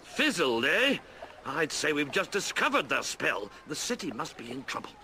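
High lively cartoon raven, wry and brisk, loud music behind. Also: male voice, very noisy. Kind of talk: cartoon dub acting. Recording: loud music under the dialogue.

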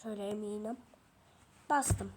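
A woman's voice: medium pitch, steady tone, normal speed, husky. A woman chatting exasperatedly to herself while showing a game on her phone, recorded through the phone's own mic. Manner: exasperated, rambling, talks to herself. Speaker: mobile gamer showing game settings. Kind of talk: casual screen-recorded gameplay chat. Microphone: phone microphone during screen recording.

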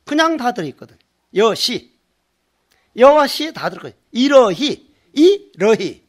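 An older male Buddhist monk delivers a dharma sermon in an extremely high voice with big pitch swings and a measured pace. He tells folksy stories, acts out dialogue in dialect voices, and repeats words for emphasis.

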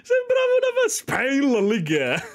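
Giggly Italian streamer from Bologna. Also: male voice, very high-pitched, wildly swooping pitch, measured pace. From Bologna, Italy. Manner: laughs often, teases the clip. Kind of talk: live stream reaction.

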